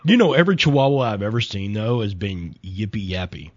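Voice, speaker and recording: A man's voice: on the low side, expressive, brisk, darkish tone, dry recording. A man hosting a radio talk show in casual, joking chat, with a slight lisp from missing front teeth. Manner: joking, rambling, with restarts. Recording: slightly dull radio broadcast audio.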